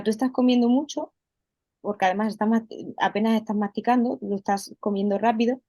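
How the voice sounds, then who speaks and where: A woman's voice: mid-range voice, dark tone, no echo. A woman coach explaining things in a casual interview, with many fillers and restarts. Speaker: holistic health coach, guest. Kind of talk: conversational interview.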